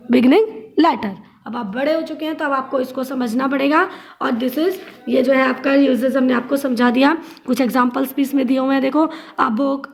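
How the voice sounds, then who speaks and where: A woman's voice: high-pitched, vocal fry. A female school teacher giving a grammar lesson to young students, asking questions and answering them herself, spelling out words letter by letter. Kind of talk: classroom grammar lesson in Hindi and English.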